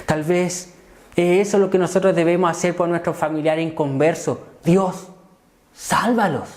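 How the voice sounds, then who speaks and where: A man's voice: fairly even intonation, normal speed. Male pastor preaching with rhetorical questions. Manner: repeats phrases and asks rhetorical questions; swings between hushed low lines and raised emphatic ones. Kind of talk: sermon.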